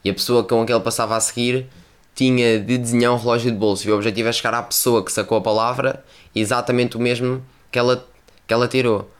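A man's voice: mid-range voice, little pitch movement, quick pace, clear, resonant tone. A young man with a European Portuguese accent, hosting a solo podcast in a casual, rambling way, full of slang and swearing. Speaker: podcast host.

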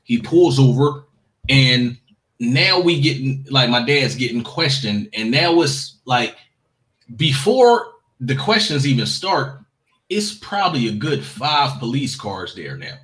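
A man's voice: mid-range voice, sing-song, slow, fairly bright tone, poor audio. Forties man, storyteller type, laid-back conversational delivery, lots of restarts. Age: 40s. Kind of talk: casual chat.

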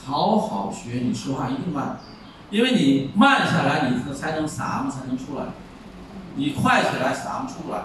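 A man teaching a Chinese class, explaining tones by slowly acting out example words. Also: on the high side, big pitch swings, fairly bright tone. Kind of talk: classroom lecture. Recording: echoey room, far mic, faint noise.

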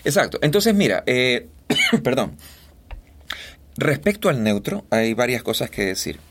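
A man from Guayaquil, Ecuador, a voice-over artist telling stories in a relaxed interview, often slipping into imitated voices. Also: medium pitch, a little slow. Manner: animated storyteller, slips into imitated voices. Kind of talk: casual interview chat.

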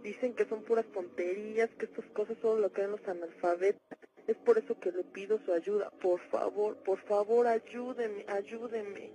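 A woman's voice: mid-range voice, fairly even intonation, normal speed, dark tone, natural voice, rough recording. A woman playing a frightened teenage girl who calls a radio show, possessed by a demon. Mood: pleading. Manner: pleading, panicky, breaks into screams. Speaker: caller. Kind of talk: dramatized radio call.

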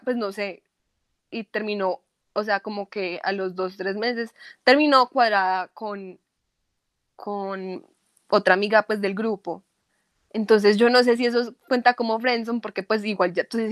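A woman's voice: medium pitch, dry recording. A young woman with a Colombian accent telling a confessional story in casual, slangy chat. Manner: chatty confessional, heavy slang.

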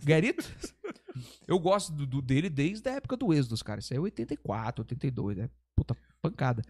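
Brazilian male metal singer, podcast guest, rapid-fire animated storyteller, close dry mic. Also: medium pitch, breathy edge, dry recording. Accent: Brazilian Portuguese. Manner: animated storyteller who swears and acts out quoted lines. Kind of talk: casual podcast chat.

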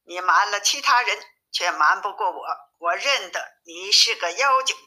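Woman reading as a cocky monkey king, bright and forceful, storybook hero. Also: mid-range voice, lively intonation, normal speed, poor audio. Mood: mocking. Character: bold, brash male monkey king.

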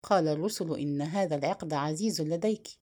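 A woman's voice: on the low side, expressive, a little fast, darkish tone. A woman voicing a proud, bitter young king. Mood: guarded. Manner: stern, scornful retorts.

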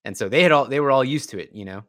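A tired man, slightly hoarse from yelling, hosting a podcast in casual chat. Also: medium pitch, expressive, rapid-fire. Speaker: podcast host.

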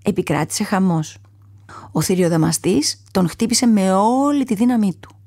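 A woman reads a children's story aloud in a calm, measured way, at times dropping to a soft whisper. Her voice is dark and husky, and the recording is dry and close. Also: mid-range voice, dry recording.

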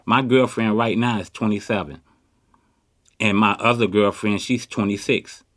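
A man's voice: lowish voice, steady tone, normal speed, a bit bright, dry recording, clean studio sound. A man in his fifties from Chicago, talking boastfully in street slang while interviewed on a city street. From Chicago, USA. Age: 50s. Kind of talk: candid street conversation. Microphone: handheld mic.

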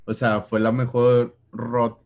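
A man's voice: medium pitch, completely flat delivery, slow pace, a little mellow, lo-fi sound. A young man with a Mexican accent, chatting with friends and telling a story that he acts out with sound effects and slang. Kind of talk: casual chat among friends.

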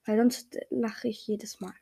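A young woman chatting casually as a co-host, with a slightly husky voice. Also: medium pitch, flat delivery, a little slow, mellow. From Switzerland. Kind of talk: casual chat.

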